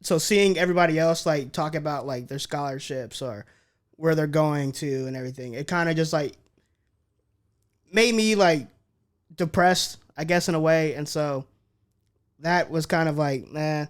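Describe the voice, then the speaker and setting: Young male podcast co-host, slightly high voice, animated storyteller. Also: normal speed. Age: young adult. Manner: animated storyteller, acts out quotes. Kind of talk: casual storytelling chat.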